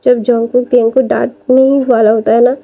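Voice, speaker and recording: A woman retells a fan story in a casual, chatty way, full of fillers and restarts. Her voice sits fairly high and the recording sounds dull and lo-fi. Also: level tone, a little fast. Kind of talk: casual fan-fiction narration.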